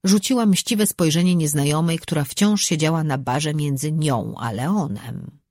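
An audiobook narrator giving measured, expressive scripted fantasy narration, in a dry recording. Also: medium pitch, dry recording.

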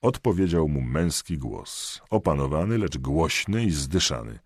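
A man narrating a thriller audiobook in a measured, expressive reading. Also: very deep voice, slightly rough, no echo, studio quality.

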